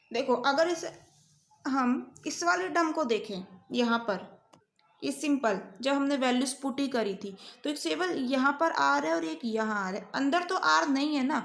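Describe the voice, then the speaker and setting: High-voiced woman teaching maths. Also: creaky, fairly bright tone, echoey room. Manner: explains step by step, often asks students questions. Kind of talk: whiteboard maths lecture.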